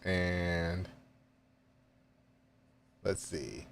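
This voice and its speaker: A deep-voiced man takes his time, reading manga panels aloud and reacting in a relaxed, chatty way. A light hiss sits under his voice. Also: drawn-out words, gravelly. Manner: reads panels aloud with casual asides and chuckles.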